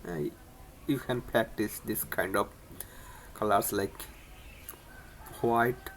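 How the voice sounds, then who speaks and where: A man's voice: fairly low pitch, takes it slowly, fairly bright tone, a little hiss or hum. A man hosting his own channel, teaching English in a casual spoken lesson, often restarting and repeating words. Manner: repetitive, many restarts and stumbles.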